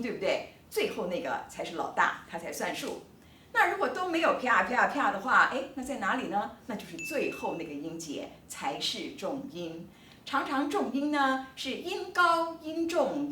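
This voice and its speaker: Bright, high-pitched woman professor explaining with animated, emphatic swoops and drawn-out words. She sounds distant in a roomy, echoey space. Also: slight background noise. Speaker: linguistics professor. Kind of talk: recorded online lecture.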